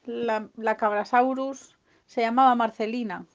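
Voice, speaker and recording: A woman telling an improvised bedtime story in a playful, lively way. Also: a little high, a little slow. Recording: dull lo-fi recording.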